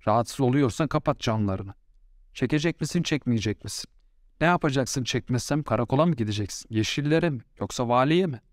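A man voicing a bold young wife in an audiobook story, speaking scornfully and talking back loudly. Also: mid-range voice, lively intonation, brisk, no room sound, clean studio sound, pitched above the performer's own voice, close to an everyday voice. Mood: taunting. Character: sharp-tongued young wife, bold and defiant.

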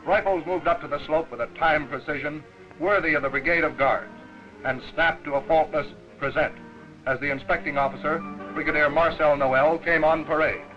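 A man's voice: on the high side, steady tone. Man narrating an old newsreel. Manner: brisk, declamatory. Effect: old newsreel sound. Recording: dull lo-fi 1940s newsreel soundtrack with music. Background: music.

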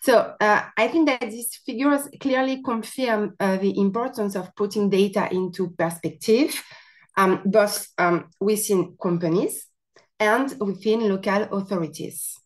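A woman's voice: medium pitch, measured pace. French woman with strong accent, talking through slides on a video call, lots of ums. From France. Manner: hesitant, many fillers, apologetic. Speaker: presenter, company marketing officer. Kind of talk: webinar presentation.

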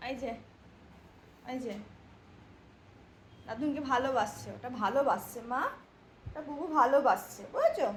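A woman's voice: high voice, unhurried, long pauses, a little hiss or hum. A woman talking baby talk to her pet dog at home, sing-song and doting, repeating her phrases.

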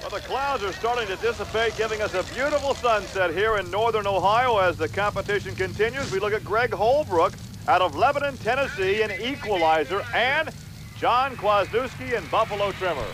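A man calling monster truck races as the play-by-play announcer, in steady, informative commentary. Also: high voice, fairly quick, background noise. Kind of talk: sports commentary.

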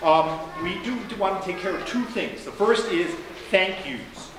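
A man's voice: high voice, expressive, unhurried, very echoey, poor audio. A man, the pastor, giving friendly, joking announcements and reading prayers to his congregation in church. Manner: chatty and joking between formal prayer. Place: large church sanctuary. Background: congregation murmuring.

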